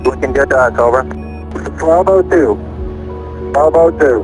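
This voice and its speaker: A man's voice: mid-range voice, very slow, music in the background, rough recording. A man making terse, procedural call-outs over a mission radio transmission from a spacecraft. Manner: clipped, procedural. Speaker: astronaut or mission controller.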